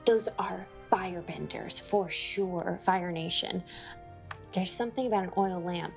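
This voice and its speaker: A woman's voice: fairly low pitch, a little slow, vocal fry. Brief: playful woman tabletop player, casual, faint music under her. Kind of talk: casual chat.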